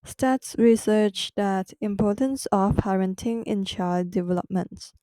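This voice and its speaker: A podcast host with a Thai accent explains a psychology lesson slowly and carefully, pausing often and restarting as she searches for words in her second language. Her medium-pitched voice is soft and mellow, recorded close and dry with no echo.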